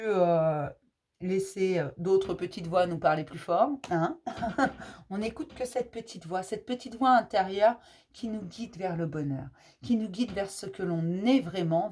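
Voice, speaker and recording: A woman hosting a daily card-reading message, speaking gently and reassuringly to her viewers and often repeating herself on purpose. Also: lowish voice. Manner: warmly addresses viewers as dear ones. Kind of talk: casual spiritual advice to viewers.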